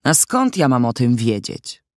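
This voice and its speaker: A man voicing a grim, hulking middle-aged housekeeper woman who talks in a gruff, sullen, scornful way in an audiobook. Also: mid-range voice, very animated, normal speed, dry recording, studio quality. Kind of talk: audiobook character voice.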